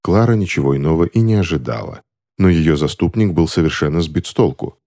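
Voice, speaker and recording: A man reads a story aloud in a very deep voice. His delivery is expressive, with a lively, wide-ranging pitch that rises and falls with the action. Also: fairly quick, gravelly. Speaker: narrator. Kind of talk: scripted story narration.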